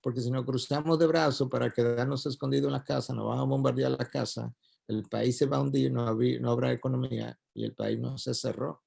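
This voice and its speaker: A man with a Puerto Rican Spanish accent delivers an emphatic, sermon-style talk to doctors at a church event, driving his points home through repetition. His medium-pitched voice is flat, fairly quick, slightly rough and darkish in tone, with vocal fry.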